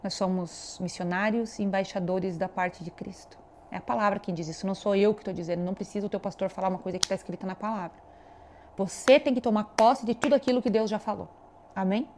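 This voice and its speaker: A woman's voice: mid-range voice, steady tone, fast talker, darkish tone, slight background noise. A woman preaching a devotional video sermon, earnest and exhorting, speaking straight to the viewer. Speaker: online preacher.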